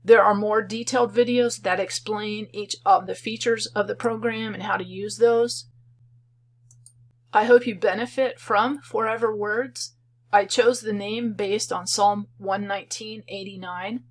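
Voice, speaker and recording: Woman presenter for a software walkthrough, mid-pitched voice, calm and methodical, explains each step plainly. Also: a little slow. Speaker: software creator demonstrating her program. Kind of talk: screen-recorded software tutorial.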